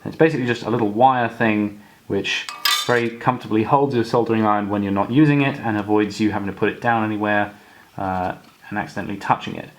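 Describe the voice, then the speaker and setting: A man's voice: lowish voice, steady tone, fast. A young man casually explaining a step-by-step hobby tutorial, with many fillers and restarts. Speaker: model railway hobbyist tutor.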